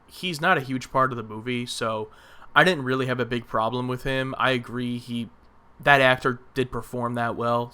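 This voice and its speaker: Podcast co-host, male, bright and smooth-toned, opinionated and chatty, lots of restarts. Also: medium pitch. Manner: opinionated, rambling with restarts and filler. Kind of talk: casual film review chat.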